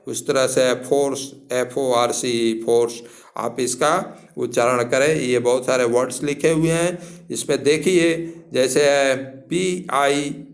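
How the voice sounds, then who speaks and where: A man's voice: medium pitch, steady tone, measured pace. A man teaching English in a lesson, patiently spelling words out letter by letter and repeating each rule.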